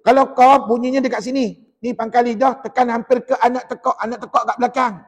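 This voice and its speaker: Malaysian Malay man, tajwid teacher, very high voice, patient explainer who chants verses slowly; mosque hall reverb. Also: fairly even intonation, breathy edge. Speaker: Quran recitation teacher. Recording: long echo of a mosque hall.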